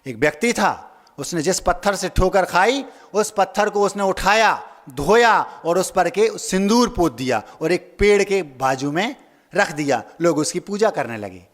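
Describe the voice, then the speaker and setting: A man giving a sermon as a monk, emphatic, asking rhetorical questions and acting out the people he quotes. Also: fairly high pitch. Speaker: Jain monk preacher. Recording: long hall reverb.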